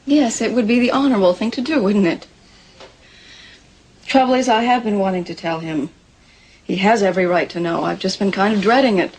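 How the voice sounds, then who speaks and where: A woman's voice: medium pitch, fairly quick, pauses often, a little mellow, a little hiss or hum, close to an everyday voice, poor audio. An actress playing an anxious, proud young pregnant woman in a 1980s soap opera, talking hesitantly with stumbling restarts. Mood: anxious, defensive.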